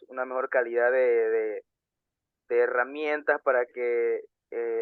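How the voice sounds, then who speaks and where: A man's voice: mid-range voice, clean tone, no echo. Young man, thin tinny sound. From Panama. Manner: earnest, halting with frequent fillers and restarts. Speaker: podcast co-host. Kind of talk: casual discussion podcast.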